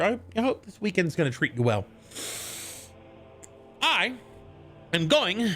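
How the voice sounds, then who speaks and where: A man streaming live, chatting casually and jokily with viewers and greeting them by name. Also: high voice. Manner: animated, jokey, greets chat members by name.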